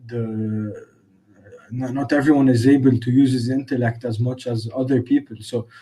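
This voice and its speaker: Halting young man with a mellow voice. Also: mid-range voice, fairly even intonation, low-quality recording. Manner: hesitant, halting, many uh's and restarts. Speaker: panelist. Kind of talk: casual group discussion.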